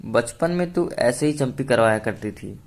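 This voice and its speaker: A nosy, affectionate old grandmother who loves to tease, voiced by a male storyteller. Her voice is lifted and louder than his own, fitting a storybook read-aloud. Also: medium pitch, animated, moderate pace, close to an everyday voice. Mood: teasing. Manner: teasing, doting.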